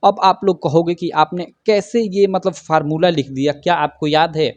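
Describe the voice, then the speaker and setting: A man's voice: on the high side, steady tone, moderate pace, dry recording, lo-fi sound. A man teaching a science lesson at a whiteboard. He explains step by step and keeps asking and answering his own questions. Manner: frequent fillers like "theek hai".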